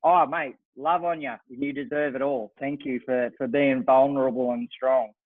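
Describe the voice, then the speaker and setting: A gently, softly spoken man with an Australian accent, calling in with a question. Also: medium pitch, steady tone, moderate pace, no room sound. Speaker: caller. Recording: tinny phone line.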